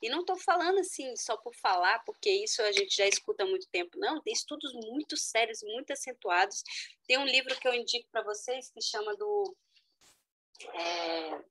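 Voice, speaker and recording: A middle-aged woman lecturing online with a bright, fairly high voice. She explains step by step, speaks straight to her listeners and now and then jumps up in pitch for emphasis. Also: normal speed, slight background noise, low-quality recording. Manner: explanatory, addresses the audience as "gente", lively with sudden high exclamations. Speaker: educational psychologist giving a talk.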